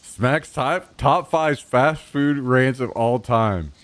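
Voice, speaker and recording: A man's voice: medium pitch, slow, a bit bright. Profane, exasperated male streamer ranting. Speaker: live streamer. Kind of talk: casual live stream rant.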